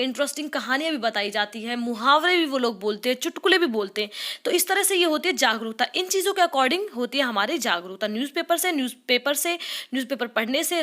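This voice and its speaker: A woman with a high, bright voice teaching an exam-prep lesson. She explains patiently and step by step, often calling her students to look at the example. Close voice-over recording.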